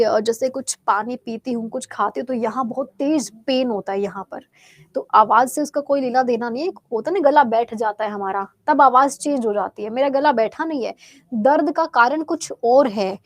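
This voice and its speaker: This teacher's voice is high-pitched, and the recording has no echo. Speaking with a Bihari Hindi accent, she leads a chatty live exam-prep quiz, asking questions that she then answers. She keeps clearing her sore throat.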